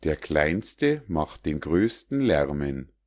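A man's voice: extremely low pitch, sing-song, slow pace, darkish tone, no room sound, clean studio sound, full character voice. A man voicing a tiny male hummingbird who answers in a pert, knowing tone.

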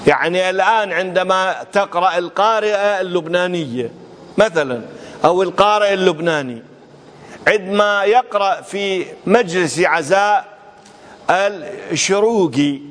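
A man's voice: sits high, moderate pace, long pauses, a bit bright. A man giving a televised lecture on religious oratory. He speaks with emphasis and acts out word pronunciations aloud to make his points. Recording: long hall reverb, faint background noise.

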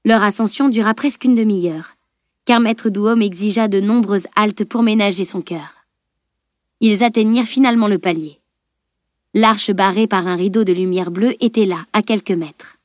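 A woman reading a novel aloud as audiobook narrator, calm and even. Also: medium pitch, moderate pace, dry recording, studio quality. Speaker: audiobook reader. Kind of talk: scripted narration.

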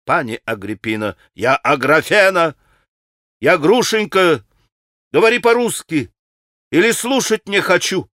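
A man voicing a proud, hot-tempered young woman in an audiobook, shrill and scornful. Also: expressive, a little slow, a bit bright, dry recording, clean studio sound. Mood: furious.

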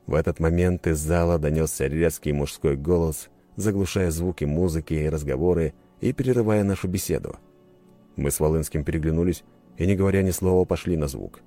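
A man narrating a first-person story in an expressive storytelling manner. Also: a bass voice, brisk, faint music behind. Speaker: audiobook narrator.

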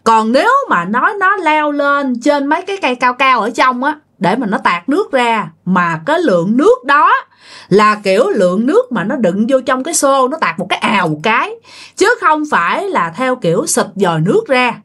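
Southern vietnamese woman telling a ghost story, high and bouncy, chats right at the listeners. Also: moderate pace. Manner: animated, addresses listeners directly.

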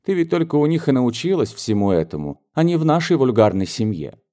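A man's voice: mid-range voice, sing-song, a little fast, mellow, voice pushed up, natural voice. A man reading an audiobook, voicing a spirited young woman who reproaches her older sister. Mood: reproachful. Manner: heated, pleading reproach.

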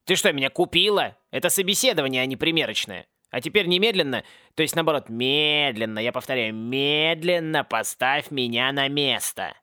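A man's voice: fairly high pitch, lively intonation, quick pace, bright, forceful tone, no room sound. A man voicing a grumpy, sarcastic ancient magic hat in an audiobook, mocking and bossy, in a dry recording.

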